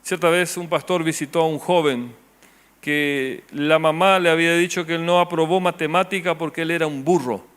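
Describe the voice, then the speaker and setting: Speaking at normal speed with a steady, clean tone, a Rioplatense-accented pastor delivers a sermon. He poses rhetorical questions to the congregation and softens and lowers his voice on the key words.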